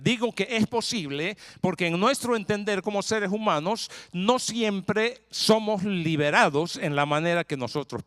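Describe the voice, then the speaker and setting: A man preaching a sermon as pastor, retelling a scripture story in a lively way with frequent rhetorical questions. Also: fairly high pitch, no room sound. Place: church in Texas.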